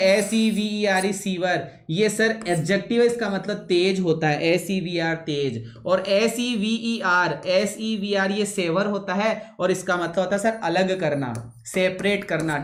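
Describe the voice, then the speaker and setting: A man teaching English vocabulary in a classroom lecture, pausing often to ask his students whether they have understood, and deliberately slowing his usually fast speech. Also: sits high. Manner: keeps checking with students, calls them son. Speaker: English teacher for exam coaching. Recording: echoey room.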